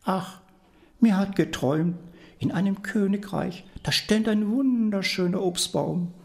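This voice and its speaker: A man's voice: high-pitched, measured pace, vocal fry, voice pushed up. A man voicing the devil's scolding old grandmother in a storybook reading, speaking fussily in a raised, half-whispered voice. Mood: coaxing. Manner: fussy, chiding, half-whispered.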